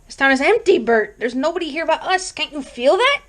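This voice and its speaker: A woman's voice: high-pitched, animated, fairly quick, pitched above the performer's own voice. A woman reading aloud, voicing a tense, frightened young wife who speaks in a thin, strained, pleading way.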